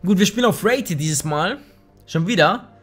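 Young male let's-player, high voice, quick to rant and swear at the game, faint music underneath. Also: breathy edge. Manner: excitable, swearing, often annoyed; slangy, says "Alter" a lot. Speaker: let's play gamer. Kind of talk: live gameplay commentary. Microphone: gaming microphone.

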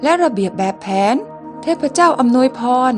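Middle-aged lady reading an old comic out loud, high-ish voice, soft music under. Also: lively intonation, moderate pace. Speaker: manga reader. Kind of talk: reading an old manga aloud.

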